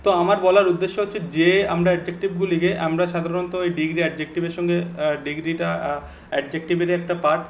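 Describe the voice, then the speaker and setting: A young man with a Bengali accent teaches English grammar in an online exam-prep lesson, reading example sentences slowly and deliberately. His voice is on the high side and his tone stays level.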